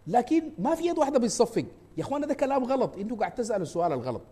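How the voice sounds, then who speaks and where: A Sudanese man with an Arabic accent speaks in a rapid, fervent rush, often stumbling and restarting. His voice sits high but has a mellow, dark tone. He talks as a presidential candidate making his case. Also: big pitch swings, slightly rough. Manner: fast and fervent, with repeated hesitations and restarts. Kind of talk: impassioned campaign talk.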